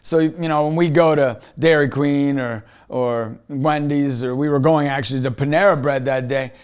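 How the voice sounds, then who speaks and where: A man's voice: mid-range voice, steady tone, moderate pace, smooth. A man, a motivational speaker, telling a personal story in an earnest way, often repeating words as he restarts a thought.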